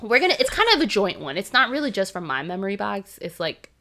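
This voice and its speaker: Lively, animated woman podcast host. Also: medium pitch, quick pace. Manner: animated storytelling, laughs often. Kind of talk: casual chat.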